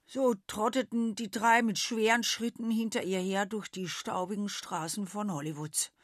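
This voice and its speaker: A woman reading a children's radio story aloud in a lively, expressive way. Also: mid-range voice, moderate pace, no room sound, studio quality.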